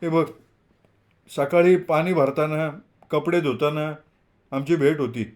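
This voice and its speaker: A man's voice: fairly high pitch, fairly even intonation, slow pace, darkish tone, voice pushed up. A man reading a novel aloud, voicing a shy, nervous young male student in a raised, hesitant voice. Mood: hesitant, eager.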